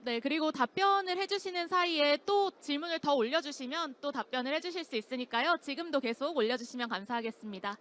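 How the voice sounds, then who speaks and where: A woman hosts a conference session from a hall stage, her amplified voice high, fairly bright, and lively in intonation. She speaks quickly with few pauses, using formal, very polite announcer phrasing that sounds scripted.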